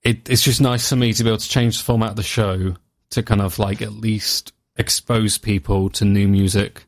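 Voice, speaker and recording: A man's voice: on the low side, little pitch movement, moderate pace. A man hosting a podcast, easygoing and jokey in casual chat. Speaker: podcast host.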